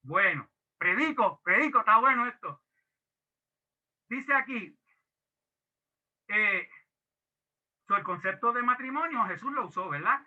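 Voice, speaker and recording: A man teaching a Bible class sermon as pastor, lively and acting out quoted dialogue, with English words mixed in. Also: high-pitched. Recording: tinny phone-like audio.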